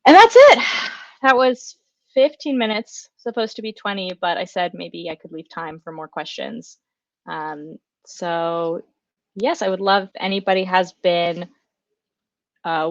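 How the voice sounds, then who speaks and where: A woman's voice: lowish voice, gravelly, dry recording, highs cut off. A woman giving a casual, enthusiastic conference talk over a video call, chatting with lots of fillers. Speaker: conference speaker.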